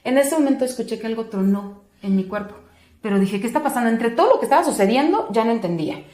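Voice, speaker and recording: A woman with a voice on the high side speaks fast as an interview guest who works as a doula. She animatedly recounts a personal experience, acting out other people's words in a raised voice, and the recording has a roomy echo.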